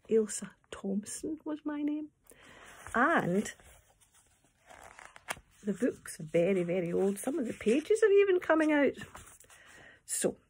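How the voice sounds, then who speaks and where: Her voice a little high and husky, a Scottish woman in her fifties leads storytime for small children, talking and reading poems in simple, expressive phrases and putting questions to them. She's indoors in a small room at home, captured by a phone or tablet held at arm's length.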